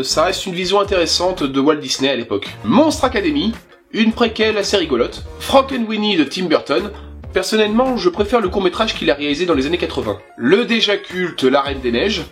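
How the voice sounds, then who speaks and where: A man chatting casually and with enthusiasm as he shows his film collection, with a few fillers. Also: high voice. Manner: self-conscious about his English pronunciation. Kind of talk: casual presentation.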